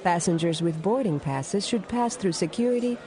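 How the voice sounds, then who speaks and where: A woman playing a formal, composed airline gate announcer, making a measured airport announcement. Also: on the low side, expressive, crowd noise, natural voice. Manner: formal, measured, scripted delivery.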